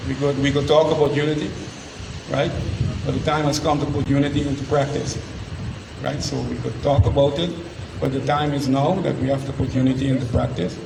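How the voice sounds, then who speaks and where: Creaky voiced guy giving panel remarks, repeats his points, echoey n very noisy recording. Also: mid-range voice, distant mic. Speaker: panelist, business association secretary.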